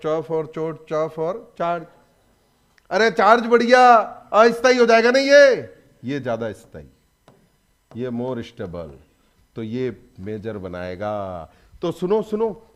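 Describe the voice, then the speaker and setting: A man teaching a chemistry class, firing quick questions at his students and pushing them to answer. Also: a little high, a little mellow. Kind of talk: classroom lecture.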